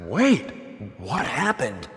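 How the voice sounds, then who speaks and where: An actor playing Chris, a startled young special-forces hero in a 1990s video game, with stilted delivery. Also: male voice, mid-range voice, wildly swooping pitch, takes it slowly, a bit bright, slight background noise, exaggerated voice. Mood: startled, puzzled. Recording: distant, long reverb.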